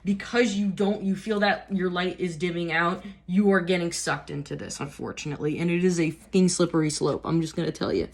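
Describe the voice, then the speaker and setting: A woman's voice: lowish voice, steady tone, fairly quick, few pauses. A young adult woman giving a tarot reading, talking candidly, swearing freely and filling her speech with restarts and "you know," then reading aloud from her notes. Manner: reads aloud from notes between asides. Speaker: tarot reader. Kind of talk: casual spiritual reading.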